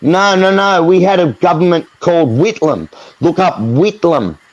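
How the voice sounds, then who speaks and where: A man's voice: high voice, animated, a little slow, dull audio. An Australian man in a heated live chat, ranting angrily with lots of swearing. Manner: angry, profane, ranting.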